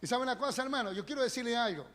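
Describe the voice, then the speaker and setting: A man's voice: extremely high pitch, racing, fairly bright tone. A male pastor preaching a sermon in a church, emphatic and full of rhetorical questions. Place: church sanctuary. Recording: long church reverb on a live stream.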